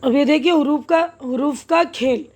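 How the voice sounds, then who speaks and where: Woman, high voice, patient teacher, spells words out slowly, checks in often. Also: darkish tone. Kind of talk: step-by-step classroom lesson.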